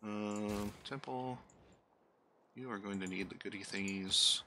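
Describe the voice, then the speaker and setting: A man's voice: fairly low pitch, fairly even intonation, slow, pushed and bright, slight background noise. A man giving casual let's-play commentary, muttering running asides to himself and his units in a wry, self-deprecating way. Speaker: gaming channel host.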